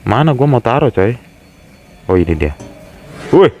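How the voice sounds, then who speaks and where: Slangy excitable man streaming a game. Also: mid-range voice, measured pace, dull audio. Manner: slangy, excitable, talks to viewers, reads game lines aloud. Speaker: gaming streamer. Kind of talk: casual horror game let's play.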